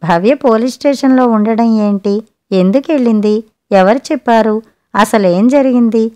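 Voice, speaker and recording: A woman narrating a short story for an audiobook with a steady, expressive reading. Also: on the high side, normal speed.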